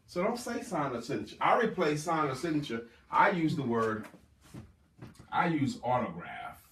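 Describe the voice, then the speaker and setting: Animated male sales trainer in a roomy space. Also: on the high side, moderate pace, recorded from a distance, slight background noise. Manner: emphatic, repeats key words for stress. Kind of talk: motivational sales seminar talk.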